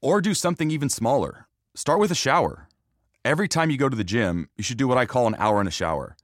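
A man's voice: medium pitch, lively intonation, fast, dry recording, studio quality. A man hosting a fitness podcast as a trainer, reading scripted narration.

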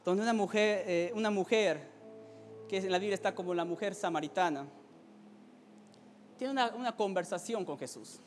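High-pitched fervent preacher man. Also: normal speed, pauses often, soft background music. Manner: fervent, building to shouted exclamations; stumbles and repeats words. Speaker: pastor. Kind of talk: sermon.

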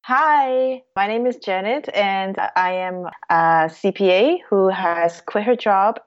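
A woman's voice: mid-range voice, takes it slowly. A woman in her twenties, a guest in an interview, answering casually with fillers and self-corrections. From Canada. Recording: dull lo-fi sound.

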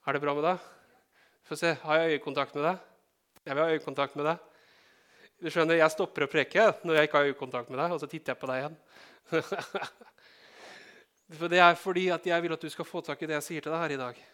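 A man's voice: fairly high pitch, steady tone, long pauses, a bit bright, clean tone. A man from Norway preaching a sermon in a conversational way, checking in with the congregation and adding joking asides. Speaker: pastor.

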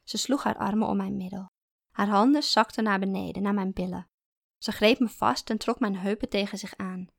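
A woman reads a first-person story aloud in a calm, measured voice. There's a gravelly fry in her tone. The recording is close and very dry. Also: medium pitch, dry recording. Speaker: narrator.

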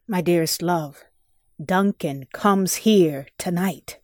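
A woman playing a brooding, ambitious warrior lord in a Shakespearean drama, measured and grave. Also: on the low side, darkish tone. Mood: intimate, guarded. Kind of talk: dramatic Shakespearean verse acting.

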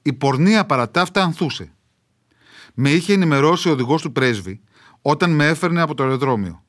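A male author reads his own travel memoir aloud, wry and measured, letting dramatic pauses hang. His voice sits slightly higher than most men's. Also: expressive, fairly bright tone. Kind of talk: literary storytelling.

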